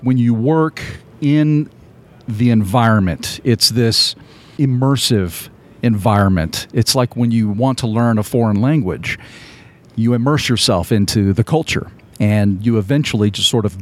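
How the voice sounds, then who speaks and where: A man interviewing a guest in a relaxed, joking, chatty way. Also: mid-range voice, measured pace. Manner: jokey, chatty. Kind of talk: conversational interview.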